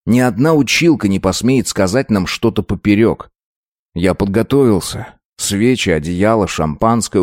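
Guy with a lowish voice reading an audiobook, dramatic and measured, dry close sound. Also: a little mellow, dry recording. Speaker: narrator. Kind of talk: first-person audiobook narration.

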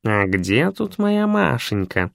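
A man voicing a gentle, mewing cat program inside a mattress in an audiobook. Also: medium pitch, sing-song, slow, gravelly, no echo, clean studio sound, exaggerated voice. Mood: purring.

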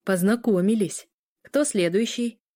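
A woman's voice: mid-range voice, measured pace, mellow, dry recording, studio quality, close to an everyday voice. A woman voicing a teasing young man who mocks the others with a laugh in his voice. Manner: mocking, teasing.

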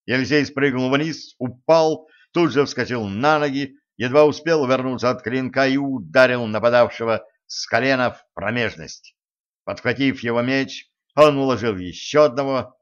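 Man, storybook narration, brisk, lively, medium pitch, dull lo-fi recording. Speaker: audiobook narrator.

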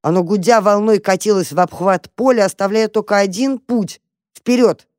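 Narrator: woman reading a children's story, calm and expressive, dry close recording. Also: mid-range voice, moderate pace, no room sound. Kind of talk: audiobook narration of a children's tale.

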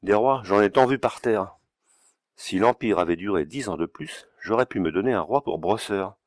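A man's voice: lowish voice, lively intonation, normal speed, dry recording, studio quality, natural voice. A man voicing a fiery, grandiloquent young Napoleonic colonel in a declamatory storybook reading. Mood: scornful. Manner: declamatory, emphatic.

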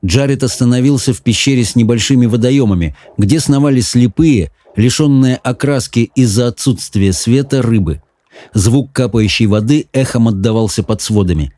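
A man reading a children's fantasy audiobook in measured, even storytelling narration. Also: mid-range voice. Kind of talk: scripted narration.

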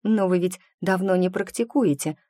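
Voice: mid-range voice, normal speed, warm tone, dry recording, studio quality, pitched above the performer's own voice, natural voice. A reader voicing a young, curious and anxious female apprentice in an audiobook, who asks eager, pressing questions. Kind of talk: audiobook character reading.

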